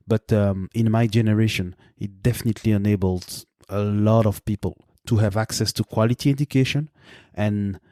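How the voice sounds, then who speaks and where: Man, late 30s, Belgian French accent, podcast host, measured delivery, low pitch, dry close mic. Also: a little mellow, no echo. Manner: measured, with frequent fillers and restarts. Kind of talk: solo podcast monologue.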